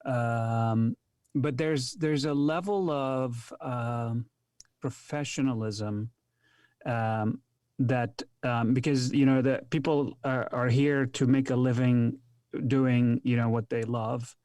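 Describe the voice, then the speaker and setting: A man's voice: mid-range voice, fairly even intonation, slow pace, darkish tone, clear, resonant tone, no room sound. Guy from egypt on a video call, dry close sound, lots of ums, thinks as he talks. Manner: thoughtful, hesitant, lots of ums. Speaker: actor and podcast guest. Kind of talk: casual interview chat.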